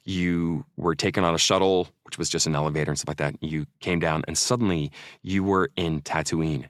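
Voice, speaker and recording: A man's voice: very deep voice, fairly even intonation, brisk, no room sound, studio quality. A man in his forties from Norway, an actor guest chatting casually and telling self-mocking stories in an interview. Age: 40s.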